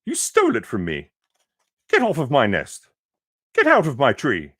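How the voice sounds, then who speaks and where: A man reading a storybook aloud, voicing a selfish female bird with a high, shrill, indignant voice. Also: wildly swooping pitch, moderate pace, no echo, clean studio sound. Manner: indignant shouting.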